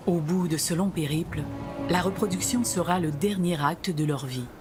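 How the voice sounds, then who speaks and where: Female nature documentary narrator, low register, scripted read over a music bed. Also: moderate pace. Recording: music behind the voice. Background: background music.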